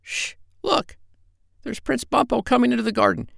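A man doing a high, sly female parrot. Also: lively intonation, normal speed, gravelly, no echo, exaggerated voice. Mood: urgent whisper. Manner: hushed, urgent whispering. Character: bossy female parrot, clever and scheming. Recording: dry close recording.

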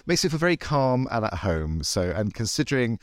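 Animated, camp male host. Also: mid-range voice, fairly quick, no echo, clean studio sound. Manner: camp, wry, rambling and self-deprecating. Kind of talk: casual, chatty podcast conversation.

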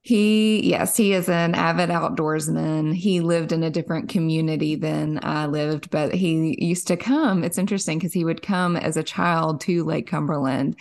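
Low gravelly woman from Kentucky. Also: fairly even intonation, moderate pace, few pauses, darkish tone. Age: 40s. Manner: chatty, laughs often, many restarts. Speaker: guest author and podcaster. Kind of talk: casual interview chat.

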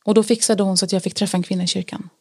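A woman telling her personal story in an interview, earnest and reflective, pausing often with fillers. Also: mid-range voice, steady tone, husky, dry recording, studio quality. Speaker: interview guest sharing testimony. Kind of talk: personal testimony in conversation.

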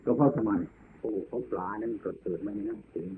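Male Buddhist monk, Dharma talk, folksy and repetitive, low voice, thin lo-fi sound. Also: fast. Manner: plain-spoken, folksy, repeats his points. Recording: tinny, hissy old tape recording.

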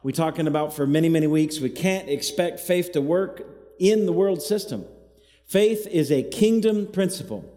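Heavy, cave-like reverb fills the church hall as a man preaches an evening sermon as associate pastor. Leading the congregation in call-and-response, he has them repeat after him, his slightly high voice moderately paced and dark in tone.

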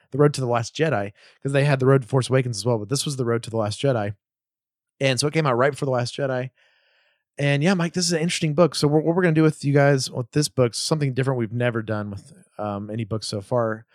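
A man's voice: medium pitch, no room sound, studio quality. A man co-hosting a casual podcast, chatting in an easygoing, joking way. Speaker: podcast co-host.

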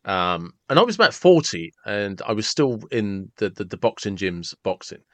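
Animated male podcast host, dry sound. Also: on the low side, moderate pace, dry recording. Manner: amused, animated storytelling. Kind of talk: casual conversation.

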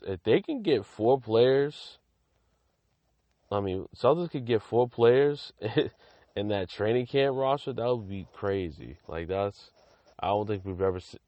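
A man's voice: fairly low pitch, darkish tone, no echo. A young man from Massachusetts, hosting a casual sports podcast in a rambling style full of fillers and restarts. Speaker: podcast host.

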